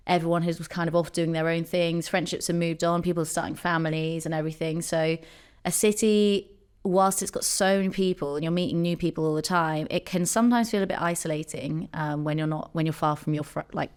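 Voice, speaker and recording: Woman, thirties, from jersey, low pitch, smooth, casual interview chat. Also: steady tone, a little fast. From Jersey, Channel Islands. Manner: chatty, many ums and likes. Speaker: podcast guest, company co-founder.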